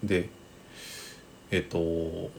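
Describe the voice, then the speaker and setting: A man in his thirties with a Kansai accent, co-hosting a casual, unhurried podcast chat and often searching for his words. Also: sits low, creaky. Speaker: podcast co-host. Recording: steady faint background noise.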